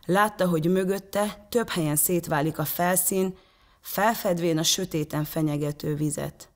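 A woman storyteller from a theatre reads a children's story calmly and in a measured way from a prompter's box. Her voice is on the low side.

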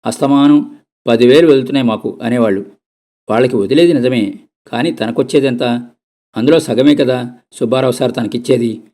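A man narrating a short story, reading aloud in a steady, conversational way. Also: mid-range voice, moderate pace, long pauses. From Andhra Pradesh.

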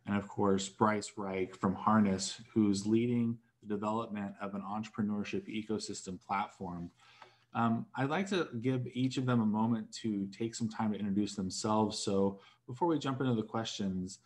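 Low-voiced man moderating a webinar. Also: fairly even intonation. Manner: measured, with frequent fillers. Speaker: panel moderator. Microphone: video call.

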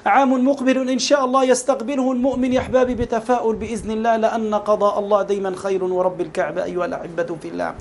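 A male Egyptian preacher with a high voice, delivering a fervent sermon at a rapid clip. He keeps calling out to his listeners as beloved brothers. A faint hiss of noise sits under the recording. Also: little pitch movement. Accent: Egyptian Arabic.

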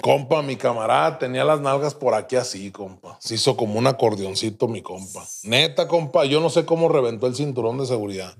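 A man's voice: mid-range voice, a little fast, gravelly, hardly any pauses. A young adult man with a Mexican accent, a podcast guest telling a crude, vivid story full of slang and swearing. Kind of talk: casual storytelling.

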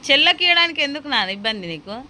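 Bright-voiced Telangana mother coaxing her kids. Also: high-pitched, sing-song, rapid-fire, slight background noise. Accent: Telangana Telugu. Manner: coaxing, questioning children, then quiet cooking narration. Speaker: mother and vlog host. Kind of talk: casual family vlog chat. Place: home kitchen.

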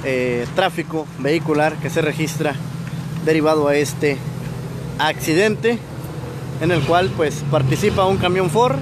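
On a busy city street, a local news reporter with a fairly high voice and a measured pace describes a crash live, filling his informal report with lots of fillers. He stays off screen while a phone camera records him, and traffic noise can be heard throughout.

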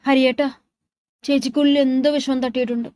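A woman's voice: high voice, level tone, fast, darkish tone, no room sound, studio quality, close to an everyday voice. A woman voicing a sweet, innocent young woman who speaks earnestly and frets over others in a narrated love story. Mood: worried. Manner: earnest and worried.

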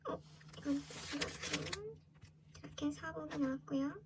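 A woman's voice: high-pitched, a little slow. A woman giving casual unboxing commentary as a vlogger, with a girlish, gushing fangirl manner. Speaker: vlogger opening collectible merchandise. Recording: clearly noisy background.

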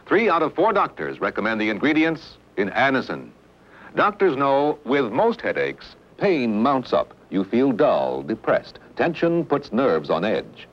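A husky man delivers a scripted vintage commercial with lively intonation. His phrases are deliberate and punchy, and the old recording sounds muffled. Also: medium pitch. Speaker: commercial announcer. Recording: dull old television commercial audio.

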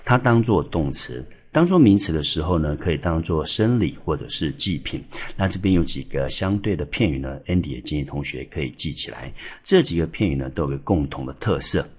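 A man's voice: a bass voice, animated, a little fast, hardly any pauses, breathy edge. A male English teacher from Taiwan explaining exam vocabulary step by step, spelling words out letter by letter. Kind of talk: exam-prep vocabulary lesson. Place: school classroom or studio.

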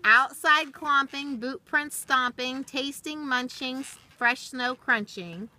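In a snowy backyard, a middle-aged woman reads a rhyming picture book to children, adding casual asides along the way. She speaks at a slow pace, her high voice pushed and bright. The recording is outdoor phone video from a camera a short distance away, with faint background noise.

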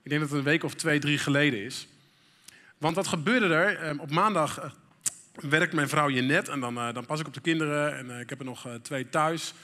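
A man's voice: on the high side, fairly quick, bright, forceful tone. A middle-aged man preaching a sermon in a church, candid and conversational, with frequent fillers. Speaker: pastor. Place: church hall. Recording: reverberant church hall.

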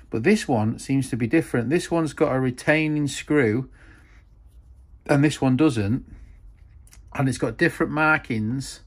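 A man casually narrating a show-and-tell of old tools in his workshop, rambling with frequent ums and asides. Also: mid-range voice. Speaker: tool collector vlogger. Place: workshop, hands over a wooden bench.

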